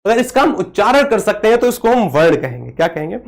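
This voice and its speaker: A man's voice: high-pitched, big pitch swings, fast talker, gravelly. A man teaching a live online class, asking questions and answering them himself, and stopping to reply to viewer comments.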